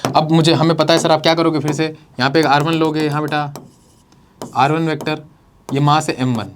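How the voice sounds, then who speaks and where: A man's voice: a little high, flat delivery, normal speed, a little hiss or hum. A man, teaching physics in a lecture and working through each step. He asks questions and answers them himself, and he calls his students "bhai sahab" and "beta". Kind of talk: classroom lecture at a board.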